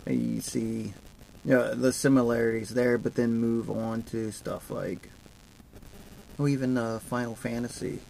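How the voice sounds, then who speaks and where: A man's voice: medium pitch, little pitch movement, unhurried, vocal fry, mellow, a little hiss or hum, rough recording. A man co-hosting a podcast, rambling casually and searching for words with lots of fillers. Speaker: podcast co-host. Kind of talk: casual chat.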